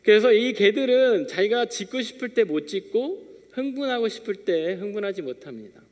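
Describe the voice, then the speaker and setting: A man's voice: high-pitched, lively intonation, moderate pace, darkish tone. A young man preaching a youth sermon in a church. He preaches as if chatting and tells everyday stories, acting out short bits of dialogue. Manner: conversational storytelling preacher, acting out little dialogues. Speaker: youth pastor. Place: church sanctuary. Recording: long reverb of a church hall.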